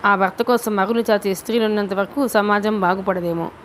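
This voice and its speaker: A woman narrating a novel as an audiobook, reading in a steady, deliberate way. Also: mid-range voice, slight background noise.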